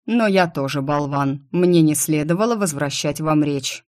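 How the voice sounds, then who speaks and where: A woman's voice: low-pitched, darkish tone, natural voice. A woman voicing a cold, stern male alien husband who speaks curtly and icily. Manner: curt, icy, measured.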